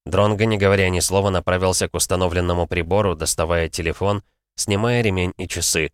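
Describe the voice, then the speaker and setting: A man narrating an audiobook in an even, steady reading. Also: deep voice, quick pace, clear, resonant tone, no echo, studio quality. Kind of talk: scripted narration.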